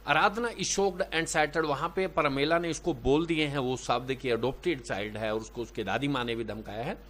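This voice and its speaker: A man with an Indian accent teaching a lesson. He reads English lines slowly, then explains them at a quicker, conversational pace. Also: on the high side, fairly bright tone.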